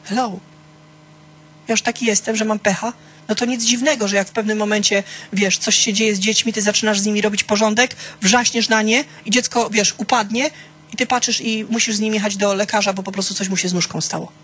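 A woman's voice: medium pitch, fairly even intonation, fast, fairly bright tone. A woman teaching a small church group in a conversational way, asking questions, calling listeners by name and sharing candid personal stories. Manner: conversational, keeps checking in with "tak?".

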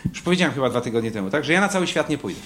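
Animated male preacher with a lively voice. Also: medium pitch, rapid-fire. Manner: animated, emphatic, stretches key words. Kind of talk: sermon.

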